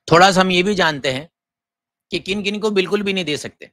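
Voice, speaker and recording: Male mufti, slightly high, sharp-toned voice; forceful scolding lecturer. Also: no room sound, studio quality. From Gujarat, India. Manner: forceful, scolding, many rhetorical questions. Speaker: mufti teaching Islamic law. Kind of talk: lecture on religious rules.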